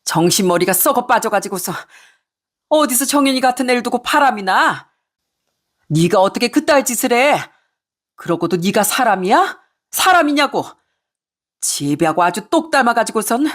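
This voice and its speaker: A woman voicing a hot-tempered older mother-in-law who scolds and nags in a raised, high voice. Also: lively intonation, normal speed. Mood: enraged.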